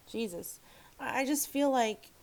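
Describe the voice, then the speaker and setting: A woman's voice: on the high side, a little mellow, poor audio. A woman giving a casual tarot reading to camera, frank and emphatic, swearing freely and rambling with restarts. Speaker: tarot reader.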